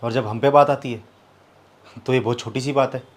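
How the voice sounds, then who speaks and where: A man's voice: mid-range voice, steady tone, moderate pace, lightly acted. An actor playing a proud young man who argues defensively with his partner, then turns cold and bitter. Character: young man, proud, hurt, coldly walking out. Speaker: live-in partner. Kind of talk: scripted short-film acting.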